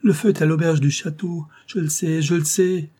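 A man's voice: mid-range voice, normal speed, mellow, slightly rough, natural voice. A man voicing a terrified young female servant who pleads and sobs in broken outcries, reading a classic novel aloud. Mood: panicked. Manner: sobbing, beseeching, breathless outcries.

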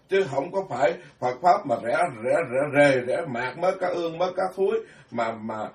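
A man, a Buddhist monk giving a blunt, scolding sermon with self-deprecating asides. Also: mid-range voice. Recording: echoey room, far from mic.

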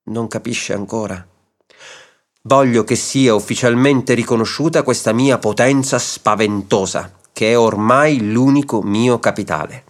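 A man's voice: mid-range voice, a little slow, lightly acted. A man voicing a grim, indignant middle man branded a jinx, insistent and stubborn, in a radio story reading.

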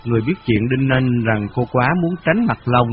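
A man reading a novel aloud in a steady, measured storytelling voice, on a dull lo-fi radio recording. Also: medium pitch, soft background music. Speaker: narrator.

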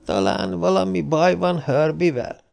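A man reading an audiobook, voicing a stern old male scientist who speaks in a measured, cold way. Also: fairly high pitch, big pitch swings, vocal fry, darkish tone, pitched above the performer's own voice, heavily acted. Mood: tense. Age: older.

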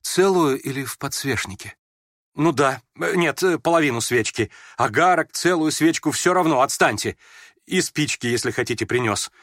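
A man's voice: medium pitch, lively intonation, normal speed, dry recording, clean studio sound, voice pushed up. A man reading an audiobook, voicing a proud, impulsive young woman who flares up and then turns shy. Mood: defiant. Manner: sharp, flustered, switching between scorn and shyness.

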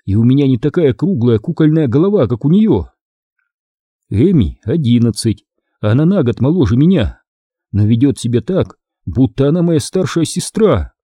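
A man narrating an audiobook in an expressive storytelling manner. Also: mid-range voice, normal speed, husky, no echo. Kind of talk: scripted narration.

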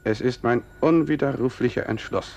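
Gravelly, gloomy farmer, played by a man. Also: mid-range voice, normal speed, a little mellow, lightly acted. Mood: resolute, urgent. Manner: grave, fatalistic. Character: gloomy, resolute male farmer fearing the island's doom. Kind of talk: German radio play acting.

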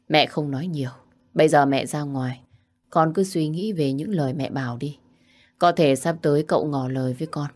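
Brief: storybook mother, soft and patient, low voice, voiced by a woman. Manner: calm, coaxing. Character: caring middle-aged mother, gently persuasive.

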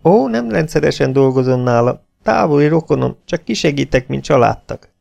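A man reading as a nervous young woman in a storybook reading. the voice is pitched a little higher than his own, with a gravelly edge showing through. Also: sing-song, a little mellow, exaggerated voice. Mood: flustered. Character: young woman, anxious and eager.

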